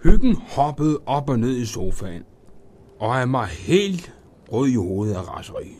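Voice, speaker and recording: A man in a studio reading a children's Christmas story aloud in a lively, expressive first-person voice. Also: medium pitch, husky.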